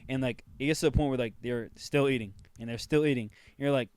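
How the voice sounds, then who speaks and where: This is a young man on a podcast, recapping a movie in quick, slangy chat and throwing in rapid yeps of agreement. He talks fast, and his voice is crisp and smooth. The recording is close and dry, with no room sound. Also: mid-range voice, darkish tone, no echo. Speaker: podcast co-host. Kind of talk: casual chat recapping a film.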